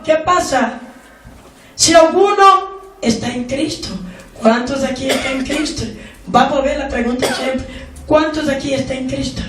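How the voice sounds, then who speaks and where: A woman pastor delivers a slow, emphatic sermon, drawing out her words and pressing the congregation with repeated questions. Her voice is high and sits far from the mic in an echoey church hall, with a faint hiss behind it. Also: fairly bright tone. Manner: slow emphatic preaching with call-and-response questions.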